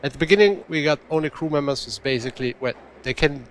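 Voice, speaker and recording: A man's voice: fairly high pitch, fast, slight background noise. Chatty man doing gameplay commentary. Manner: chatty, rambling, self-correcting. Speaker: gaming channel host.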